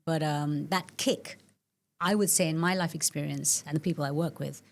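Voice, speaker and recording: Woman from Malaysia, middle-aged, low voice, reflective storytelling, interview guest. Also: fairly even intonation, moderate pace, creaky. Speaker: guest, nervous system coach. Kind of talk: casual interview conversation.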